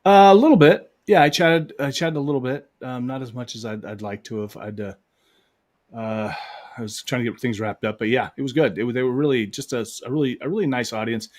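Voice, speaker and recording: A man's voice: medium pitch, brisk. Rambling male hypnotist on a video call. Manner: rambling, many restarts and fillers. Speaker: hypnotist co-host. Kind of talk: casual live-stream chat. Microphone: online video call.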